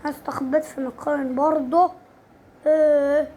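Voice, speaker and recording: A woman with an Egyptian Arabic accent giving casual, excitable gameplay commentary, breaking into sudden squealing exclamations. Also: high voice, normal speed, a little hiss or hum. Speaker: gaming channel host.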